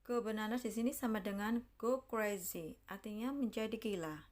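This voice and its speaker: A woman teaching a language lesson on English slang, reading each example sentence slowly and carefully, then translating it. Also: medium pitch, a little mellow.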